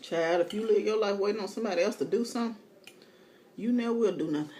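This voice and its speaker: A woman's voice: medium pitch, quick pace, dark tone, a little hiss or hum. A middle-aged woman eating as she talks, telling candid, colloquial stories in a casual mukbang chat. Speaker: mukbang vlogger.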